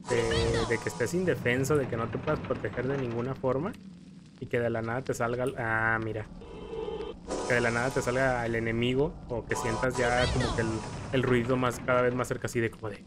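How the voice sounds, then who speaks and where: This gameplay commentator is a young man with a Mexican accent whose medium-pitched voice moves fairly quickly with fairly even intonation. Over game music, he rambles and stammers through stories, acting out frightened quotes.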